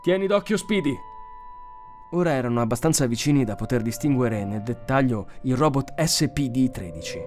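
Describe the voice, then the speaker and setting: A man reading a science fiction story aloud as an audiobook narrator, with an expressive delivery. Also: medium pitch, fairly quick, few pauses, faint music behind. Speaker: audiobook reader. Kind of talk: scripted narration.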